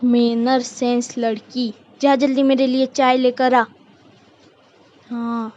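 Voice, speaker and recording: A woman voicing a bossy, scolding middle-aged mother-in-law in a cartoon, with a sharp, commanding way of talking. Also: a little high, little pitch movement, slow pace. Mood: grumbling. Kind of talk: cartoon voice acting. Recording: dull lo-fi recording.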